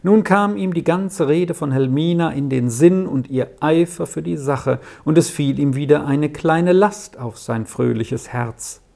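Audiobook narrator, slow and measured delivery. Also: medium pitch, creaky, a little mellow. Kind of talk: audiobook reading.

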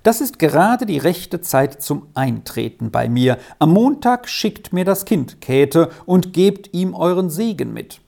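Lady doing a generous farm wife, firm and kindly, a bit higher than her narrating, dark gravelly tone. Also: big pitch swings, measured pace, few pauses, heavily acted. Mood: brisk. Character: generous, firm middle-aged farmer's wife.

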